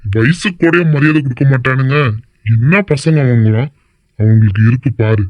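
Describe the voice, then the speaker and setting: A performer voicing a worried, protective middle-aged father in an animated cartoon, asking alarmed questions and growing indignant. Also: medium pitch, normal speed, no echo, muffled recording, lightly acted.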